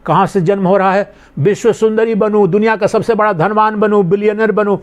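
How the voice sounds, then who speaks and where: High-voiced man giving a spiritual discourse. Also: steady tone, fairly quick. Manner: conversational, acts out imagined speakers with a lower, softer voice. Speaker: swami giving a Gita discourse.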